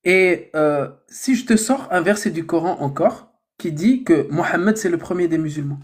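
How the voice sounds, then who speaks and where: A man's voice: on the high side, animated, moderate pace. A man hosting a live online debate, pressing his points and reciting scripture verses aloud. His tone is argumentative. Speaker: debate host.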